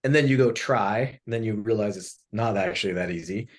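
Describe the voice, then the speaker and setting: A podcast co-host with a lowish voice talks a little fast in casual conversation. He is an animated storyteller who laughs often and retells what other people said.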